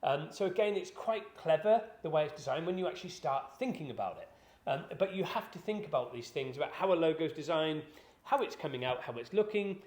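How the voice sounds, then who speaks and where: Male host, slightly high voice, rambling casual chat in a roomy space. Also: expressive, brisk, a little mellow. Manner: rambling, conversational, many fillers and restarts. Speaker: business podcast host.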